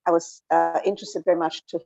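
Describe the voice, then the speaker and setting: A woman calling in remotely to an online panel, her audio breaking up and cutting out as she speaks in halting, broken-off phrases. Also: lowish voice, flat delivery, creaky, a little mellow, no echo. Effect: video call audio breaking up and cutting out. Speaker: panel discussant. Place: on holiday in the Alps, calling in remotely. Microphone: video call. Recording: dull, dry, dropping-out call audio.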